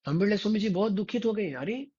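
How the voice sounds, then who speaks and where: A male religious teacher recounts a devotional tale at a very unhurried pace. His voice sits a little high for a man and has a husky, breathy edge. The recording sounds dull and lo-fi. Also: lively intonation, darkish tone. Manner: slow and repetitive, often turning to the listeners with rhetorical prompts. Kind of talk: devotional storytelling discourse.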